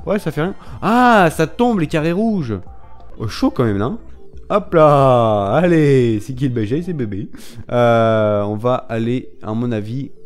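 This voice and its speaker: An excitable man doing casual game commentary in a fairly high voice that leaps up and down. He talks in slang, cries out and swears at the screen, and reads the game's instructions aloud. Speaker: gaming video creator. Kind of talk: casual let's-play commentary.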